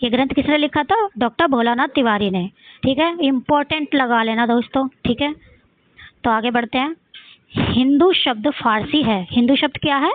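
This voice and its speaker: A woman's voice: high voice, moderate pace, dry recording. A woman with a Rajasthani accent teaching an exam-prep lesson. She asks questions and answers them herself, repeating key points. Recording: dry, phone-like audio.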